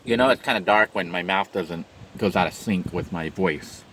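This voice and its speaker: A man's voice: sits low, normal speed, a bit bright, a little hiss or hum, low-quality recording. A man vlogging from inside his parked van, chatting unhurriedly as he eats and describes his food in detail. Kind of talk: mukbang eating commentary.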